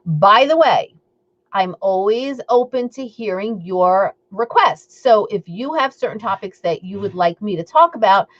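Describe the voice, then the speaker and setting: Coaching viewers on eating during a live stream, this Long Island, New York woman speaks with that region's accent in an upbeat, rambling way, full of fillers and asides. Her voice is mid-range, expressive and unhurried, and the recording's highs are cut off.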